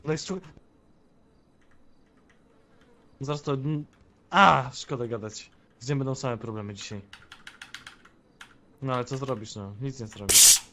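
A man's voice: mid-range voice, normal speed, pauses often, noisy background, close to an everyday voice. A man voicing a scheming male gang member who betrays his boss, speaking in a taunting, confrontational way in an online game role-play. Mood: grumbling.

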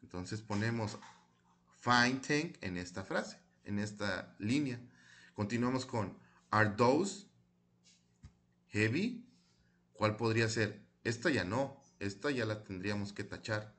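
A man's voice: on the low side, a little slow, a bit bright. A man teaching English to children, explaining patiently in Spanish and reading model dialogues aloud twice for the class to repeat. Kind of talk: recorded classroom lesson.

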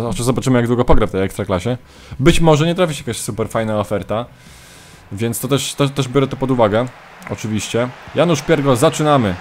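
A man gives playful let's-play commentary over a football game, shifting from easy chatter to shouted play-by-play whenever his striker scores. His voice sits at a middle pitch for a man, and faint game sound plays behind him. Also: slight background noise. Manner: excitable mock sports commentary, shouting at goals. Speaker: gaming YouTuber.

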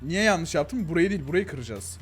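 A young man talks fast and animatedly over his gameplay. His voice is high and bouncy, swinging between thin and deep tones. Faint music plays behind him. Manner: excitable, chatty, talks to viewers as "gençler" and "abi", frequent laughs. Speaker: gaming YouTuber. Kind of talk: casual Let's Play commentary.

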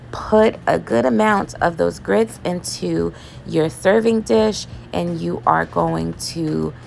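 Gravelly, slow-talking woman cooking at home. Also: fairly low pitch, slight background noise. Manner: relaxed and chatty, with laughs and fillers. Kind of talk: casual cooking voice-over. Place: home kitchen.

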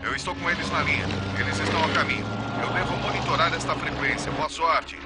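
A calm radio operator over the air. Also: male voice, on the high side, quick pace, over loud music. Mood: reassuring. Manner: steady, procedural radio talk. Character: calm, helpful adult male radio operator. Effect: voice heard over a two-way radio. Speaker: radio operator answering a distress call. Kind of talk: dubbed TV series acting.

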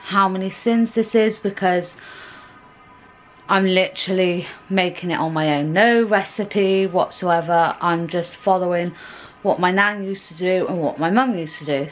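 Young woman, cooking vlog from her kitchen, slow unhurried chat, washing machine humming faintly behind. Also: mid-range voice, a little hiss or hum, low-quality recording. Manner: chatty, rambling and informal. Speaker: vlogger. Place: home kitchen, indoors. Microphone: camera on a counter at mid-distance. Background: washing machine running.

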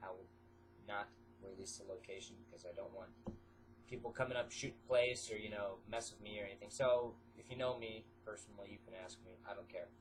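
A teenage boy with a stuffy nose vlogs casually into the webcam on his desk in his small bedroom, rambling, leaning heavily on fillers, and hopping from one topic to another. His male voice is lowish, steady in tone, and brisk. The recording is poor, with a little hiss or hum.

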